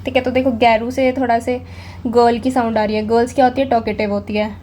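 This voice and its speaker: A woman's voice: a little high, level tone, quick pace, mellow, a little hiss or hum. A young woman gives a casual vocabulary lesson, chatty and often saying "theek hai". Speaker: exam vocabulary teacher.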